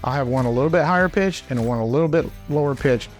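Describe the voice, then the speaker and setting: A man's voice: medium pitch, fast, faint music behind. A man instructing in a plain-spoken, practical way, explaining step by step in a conversational demonstration style. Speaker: instructor, hunting call expert.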